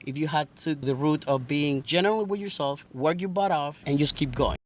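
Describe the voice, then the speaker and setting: A man's voice: on the high side, moderate pace. Earnest man in his thirties from Honduras. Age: 30s. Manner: earnest, motivational. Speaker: interviewee. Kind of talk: street interview.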